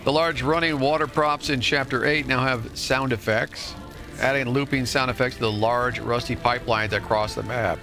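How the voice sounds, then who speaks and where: A man's voice: medium pitch, steady tone, moderate pace, vocal fry, over music. A man streaming a game live, reading patch notes aloud and chatting to viewers in a playful, jokingly boastful way. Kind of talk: live gameplay commentary and patch-note reading.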